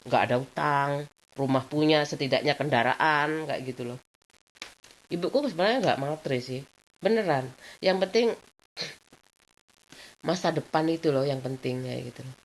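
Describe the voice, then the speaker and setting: Lady vlogging, low voice, rambly chatty storytime, keeps saying the same filler stuff. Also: unhurried, long pauses, slight background noise. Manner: chatty, rambling, repeats filler phrases often. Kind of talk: casual personal storytelling.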